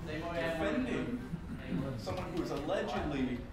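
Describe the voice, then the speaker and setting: A man argues his defense as a player in a group game. He is recorded from a distance in a very echoey space, with a loud crowd around him. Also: on the high side, animated, unhurried.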